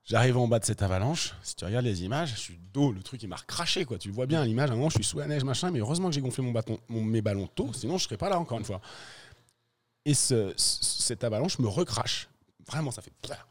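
Male pro skier, rapid-fire anecdote teller, slangy and animated, mid-pitched, acts out each scene as he talks. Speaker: professional freeride skier. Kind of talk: casual storytelling in an interview.

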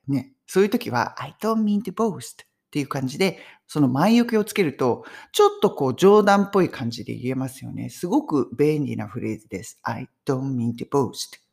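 A Japanese woman teaching English phrases in a chatty, animated way, mixing in personal stories. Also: low voice, creaky, slightly rough. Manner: chatty, animated storytelling with laughs. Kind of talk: casual English lesson.

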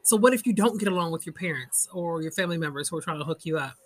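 Breathy, chatty woman podcaster. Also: lowish voice, very fast. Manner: chatty, animated, laughs often. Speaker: podcast host. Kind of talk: casual solo podcast chat.

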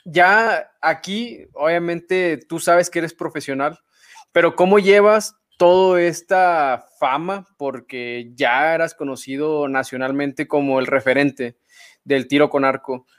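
A man's voice: on the high side, slow pace. A man co-hosting, asking long, easygoing questions. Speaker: podcast co-host. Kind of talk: casual interview questions.

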